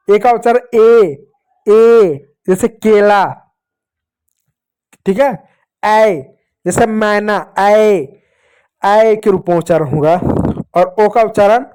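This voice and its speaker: A man teaching young children to read, drawing out each sound slowly, asking questions and answering them himself, with frequent checks. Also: sits high, a little mellow. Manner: slow, drawn-out pronunciation drills with repeated checks. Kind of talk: children's Hindi reading lesson.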